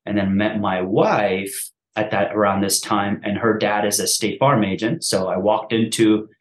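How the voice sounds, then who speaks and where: In a casual interview, a podcast host from Afghanistan, in his thirties, recounts his story at a fast pace with many restarts and repeated "man". His pitch is fairly low and his delivery flat; the room sounds echoey.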